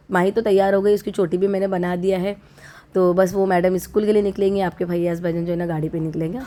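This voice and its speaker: A woman in her thirties, unwell, chatting warmly and from the heart to her viewers in a casual home vlog. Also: medium pitch. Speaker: vlogger.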